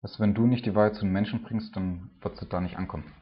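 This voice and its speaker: A man with a deep, low voice preaching an informal sermon and then praying aloud. He talks in a colloquial, halting way and leans on filler words. The recording sounds dull and lo-fi. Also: steady tone. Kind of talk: informal sermon and spoken prayer.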